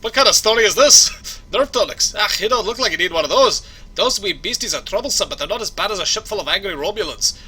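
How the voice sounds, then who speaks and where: A blustery Scottish starship engineer with a rolling brogue, as a man puts him on. His voice is bright and ringing, swinging widely in pitch, hearty and whisky-fond. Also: expressive, fast, slightly rough, full character voice, poor audio. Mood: jovial. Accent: put-on Scottish.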